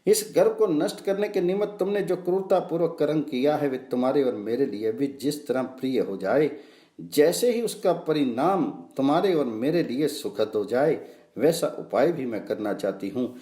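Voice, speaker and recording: A man's voice: mid-range voice, expressive, normal speed, dark tone, echoey room, lightly acted. A man reading the lines of the mother goddess Diti in earnest, imploring recitation. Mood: pleading. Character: devout mother goddess Diti, pleading, gentle.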